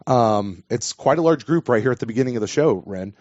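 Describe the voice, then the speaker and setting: Slightly hoarse man hosting a podcast. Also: mid-range voice, expressive, a little fast, darkish tone, no room sound. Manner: rambling, restarts sentences. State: losing his voice. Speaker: podcast host. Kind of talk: casual sports podcast chat. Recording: dull dry podcast audio.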